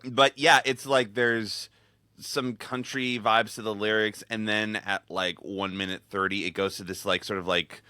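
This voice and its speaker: A man with a low, bright, crisp voice co-hosts a casual music podcast. He walks through songs section by section with eager detail. The mic sounds dry and close, with no room echo. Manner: enthusiastic, descriptive, talks fast when excited. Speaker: podcast co-host. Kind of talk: casual chat about music.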